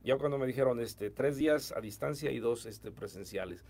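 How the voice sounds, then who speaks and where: A middle-aged man with a Mexican Spanish accent speaks quickly in an interview, his sentences full of fillers and restarts. His voice sits at an ordinary pitch for a man. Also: a little mellow. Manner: fast, hesitant with many fillers. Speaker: education official. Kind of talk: interview answers.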